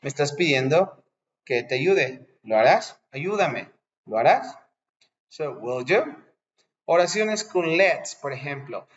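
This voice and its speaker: A man's voice: a little high, expressive, slow pace. Bilingual man teaching English grammar. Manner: explains patiently, switches between Spanish and English examples. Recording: dull lo-fi recording.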